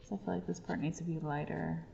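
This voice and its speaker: A woman's voice: deep voice, level tone, fast talker, vocal fry, dark tone. A young adult woman giving a casual drawing demonstration, explaining each step as she works, with many fillers. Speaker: art teacher. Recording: muffled lo-fi audio, faint room noise.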